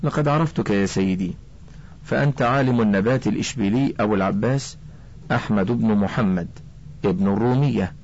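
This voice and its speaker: A curious, proud young boy speaks eagerly to an old scholar, as a male storybook narrator puts him on. The voice stays low and plain. The recording has a dull, lo-fi sound. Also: fairly quick, a little mellow. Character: ten-year-old boy, curious, proud painter of flowers.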